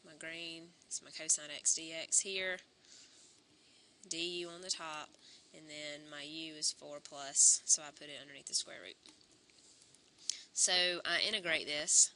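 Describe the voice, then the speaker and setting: A woman teaching a calculus lesson, slightly hoarse and clearing her throat, talking through each step aloud and correcting herself as she goes. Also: low-pitched, fairly even intonation, a little slow, bright, forceful tone, a little hiss or hum. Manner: talks through steps aloud, self-correcting. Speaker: math teacher.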